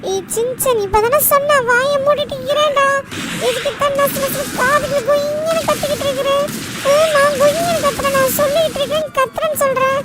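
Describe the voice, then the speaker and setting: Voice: very high voice, fairly even intonation, brisk. A voice actor playing a small cartoon boy's body taken over by an evil power, boasting and threatening. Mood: boastful. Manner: boastful, threatening, shouting at others. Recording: distant voice under loud game noise.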